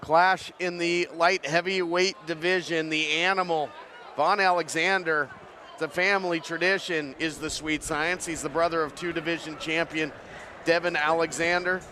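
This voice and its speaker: A man's voice: on the high side, steady tone, normal speed, bright, forceful tone, slight background noise. A man giving live play-by-play boxing commentary, setting up the fight and the fighters' records.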